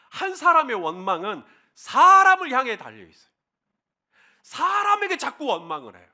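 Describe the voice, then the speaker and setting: Male pastor, sermon; high, bright, very lively delivery; leads call-and-response reading, dramatic and impassioned. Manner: impassioned, acts out quoted cries.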